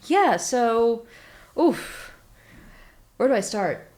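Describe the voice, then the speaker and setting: A woman's voice: on the high side, extremely slow. An American woman in her thirties from Silicon Valley, a startup founder chatting as a guest, telling stories animatedly and acting out her own reactions. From Silicon Valley, California, USA. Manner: animated storyteller, acts out her own reactions, many fillers. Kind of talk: casual interview chat.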